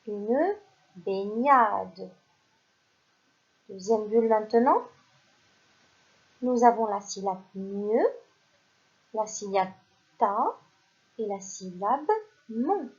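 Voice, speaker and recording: Slow, clear-spoken woman teacher. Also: medium pitch, darkish tone, lo-fi sound. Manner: slow, carefully articulated, praising. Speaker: primary school teacher. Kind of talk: recorded reading lesson for young children.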